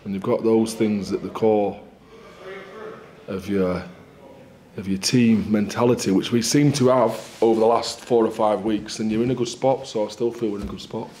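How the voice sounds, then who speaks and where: A man in his forties, a rugby head coach answering post-match questions at a press conference in a candid, measured, upbeat way. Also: fairly low pitch, steady tone, warm tone. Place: small indoor press room in front of a sponsor backdrop.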